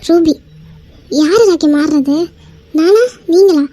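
A woman voicing an angry, hurt young wife in a cartoon skit, scolding with quick indignant retorts. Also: very high voice, mellow, no room sound.

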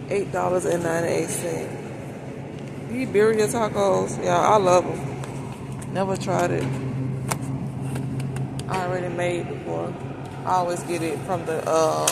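Walking the aisles of a big supermarket, a vlogger chats casually and folksily to her camera, thinking out loud as she shops. Her voice sits on the low side and sounds creaky, captured by a handheld phone amid a noisy store background.

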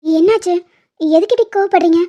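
A woman voicing a gentle, self-blaming young wife in an animated drama, speaking softly and pleadingly. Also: extremely high pitch, brisk. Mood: worried. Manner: soft, pleading. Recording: dull lo-fi audio.

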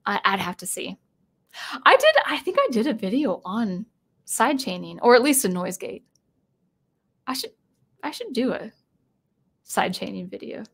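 A woman's voice: medium pitch, sing-song, measured pace, pauses often, a bit bright, slightly rough. A tired woman chatting casually on a live stream, reading chat and rambling through thoughts with many restarts. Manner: rambling, self-interrupting, chuckling.

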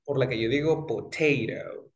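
A young man with a medium-pitched voice teaches English pronunciation one-on-one, patiently drilling words slowly and repeating them.

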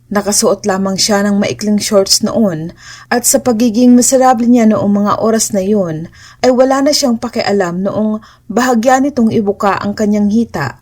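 A woman narrating an audio romance story in an even, measured storytelling manner. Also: medium pitch.

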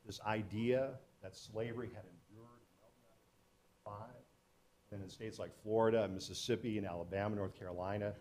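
A middle-aged man with a fairly low voice speaks to an audience as a historian and author. His delivery is earnest and storytelling, and he often restarts his phrases as he recounts events. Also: fairly even intonation, moderate pace, darkish tone. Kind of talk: public talk to an audience.

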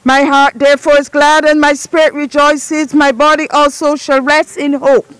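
Woman officiant, high voice, slow and measured, solemn liturgy reading, dry sound. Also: fairly bright tone, no room sound, poor audio. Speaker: officiant at a burial.

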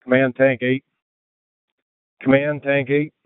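A man's voice: mid-range voice, level tone, takes it slowly, smooth, no echo. A man speaking as a fire officer in firefighter radio traffic, heard over a two-way radio. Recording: tinny narrow-band two-way radio.

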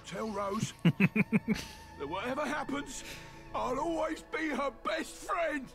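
A man's voice: extremely high pitch, slow pace, music in the background, full character voice. An actor playing a possessive, lonely male toy that insists it is a girl's only friend. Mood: pleading.

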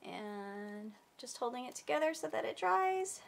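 A woman hosting a crafting channel gives a casual tutorial at her table, explaining each step. Her high, creaky voice swings widely in pitch and she takes her time, with a little hiss or hum in the background. She's chatty and friendly but stuffy and under the weather from a cold, and sometimes searches for words.

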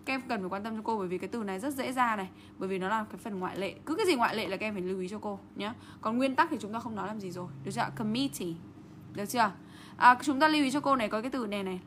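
A woman's voice: medium pitch, racing. Young teacher lady with going thru test answers, keeps asking "got it?", slight background hiss. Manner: lively, checks in constantly with rhetorical questions. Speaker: English teacher. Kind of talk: exam answer walkthrough lesson.

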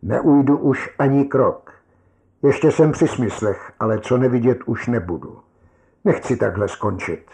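A man's voice: medium pitch, a little mellow, natural voice. A man voicing a weary, grim soldier stranded in endless rain, speaking bluntly and with bitter resignation.

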